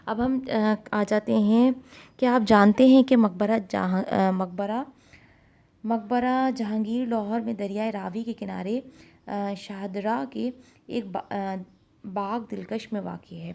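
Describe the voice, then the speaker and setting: A woman teaching a school lesson, explaining slowly with many fillers and English words mixed in. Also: mid-range voice, creaky, mellow. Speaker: Urdu tutor. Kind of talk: online class lesson.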